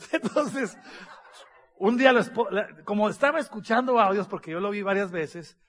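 A man's voice: high-pitched, expressive, unhurried, a bit bright. A man, speaking as a business speaker. He tells humorous stories to an audience, acting out the dialogue and laughing along.

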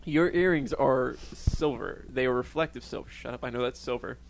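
A man's voice: medium pitch, steady tone, normal speed, vocal fry, a little hiss or hum. A man in casual chat, joking and rambling with frequent laughter, wearing headphones.

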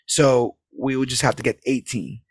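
A podcast host with a husky, mid-range voice keeps a steady tone at a moderate pace, with no room sound. He rambles casually through an upbeat outro, full of hype, plugs and pleas to support the show.

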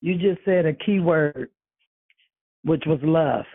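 A woman calling into a group call, speaking slowly and deliberately, her voice muffled as if heard through a wall. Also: low-pitched, slightly rough, dry recording. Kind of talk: casual spiritual discussion. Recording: muffled, distant phone line.

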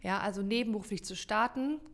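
A woman's voice: medium pitch, fast, vocal fry. A woman co-hosting a podcast, explaining in long emphatic runs with many fillers in a casual chat. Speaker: podcast co-host.

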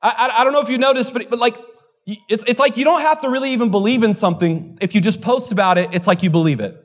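With an extremely high-pitched voice and a fast delivery, a man preaches from the pulpit, candid and chatty, making jokes at his own expense and saying "like" constantly. The audio's high frequencies are cut off.

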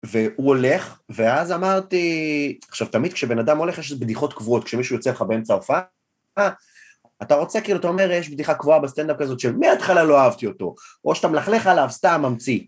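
A young man, a guest comedian, tells an anecdote in a casual, self-deprecating and animated way. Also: a little high, slightly rough. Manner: animated, self-deprecating storyteller who acts out quotes. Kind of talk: casual storytelling in a podcast interview.

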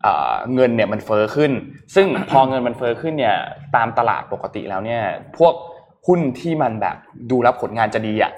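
A man's voice: mid-range voice, animated, fairly quick. A man co-hosting a casual talk show who explains stock market news and often repeats words as he starts a sentence. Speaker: co-host presenting market segment.

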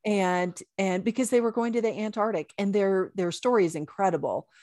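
A woman's voice: mid-range voice, normal speed, mellow, no room sound, studio quality. A woman talking casually as a guest in a conversational interview, with an emphatic, affirming way of speaking. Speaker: podcast guest.

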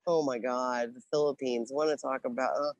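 A woman's voice: very deep voice, fairly even intonation, brisk, no room sound, lo-fi sound. A woman in a casual interview, telling military stories with a lot of swearing, frequent laughs and acted-out voices of other people. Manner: profane, laughing, acts out voices in anecdotes. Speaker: interview guest, Navy veteran. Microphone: phone or call recording.

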